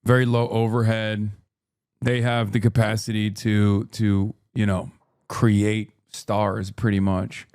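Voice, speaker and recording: A man's voice: on the low side, little pitch movement, slow, darkish tone, smooth, no echo. A man in his thirties hosting a stream, giving rambling, emphatic, profane reaction commentary into a close mic. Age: 30s. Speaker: streamer host.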